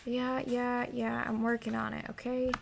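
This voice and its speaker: A woman's voice: a little high, flat delivery, moderate pace, gravelly, background noise. A young woman streaming a game, chatting casually and jokily to her chat and sometimes whispering. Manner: jokey, talks to chat, drops to whispers while hiding. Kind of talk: casual let's-play commentary.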